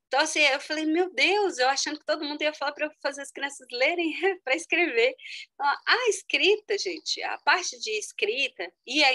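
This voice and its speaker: A middle-aged woman, an educational psychologist, giving an explanatory online talk and addressing her audience directly. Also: poor audio. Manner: explanatory, addresses the audience as "gente", lively with sudden high exclamations. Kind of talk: online lecture.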